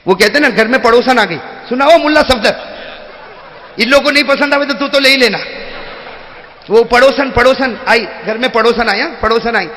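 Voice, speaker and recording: A male preacher giving a sermon, shouting his points and asking the crowd rhetorical questions. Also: extremely high pitch. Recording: long hall reverb.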